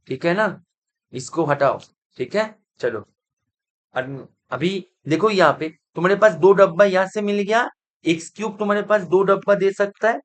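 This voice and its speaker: High-voiced male math teacher, slow explaining. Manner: addresses students as beta, asks if it is clear; mixes Hindi with English math terms and some Bengali. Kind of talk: online exam-prep lecture.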